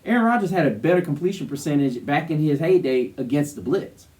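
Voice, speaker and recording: A man's voice: on the high side, lively intonation, fairly quick, a little mellow, recorded from a distance. A man co-hosting a sports show, giving casual, emphatic, opinionated commentary. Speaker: co-host of a college football show.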